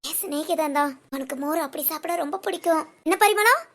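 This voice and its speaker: Woman voicing nosy ashram friend, chatty, teasing, high-pitched. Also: brisk, a bit bright. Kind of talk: audio story dialogue.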